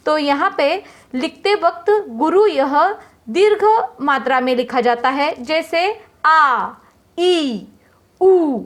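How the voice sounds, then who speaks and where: Slow, high-voiced woman teaching Hindi. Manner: patient, explains step by step and repeats points. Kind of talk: explaining poetry meter to students.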